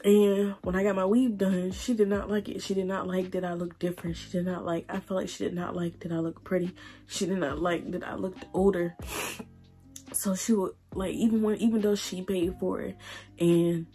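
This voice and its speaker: A young woman, crying and halting as she tells her story while doing her makeup. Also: on the low side, little pitch movement, dark tone, soft background music. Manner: emotional, halting, repeats herself. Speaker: beauty vlogger. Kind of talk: tearful get-ready-with-me chat.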